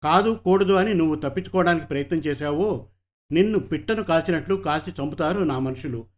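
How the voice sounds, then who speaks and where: A man's voice: fairly high pitch, fast, lightly acted. A man voicing a domineering middle-aged woman brothel keeper who talks in a commanding, threatening way.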